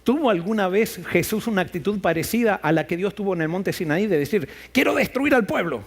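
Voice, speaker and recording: A man's voice: high voice, fast, darkish tone. A man preaching a sermon as pastor, firing off rhetorical questions and acting out the voices he quotes. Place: church.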